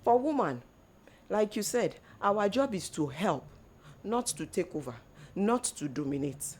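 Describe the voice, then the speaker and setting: A woman's voice: medium pitch, very animated, unhurried, darkish tone, a little hiss or hum. A middle-aged woman, giving earnest faith-based advice in a church talk. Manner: earnest, exhorting, mixes in local slang. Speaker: co-host, church mother.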